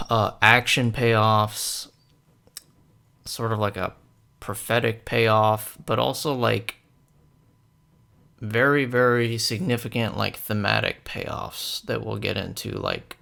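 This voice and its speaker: A man's voice: on the low side, fairly even intonation, takes it slowly, gravelly, pauses often, bright, forceful tone. A young man talking casually through a film analysis, rambling with many fillers and hesitations. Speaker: film commentator.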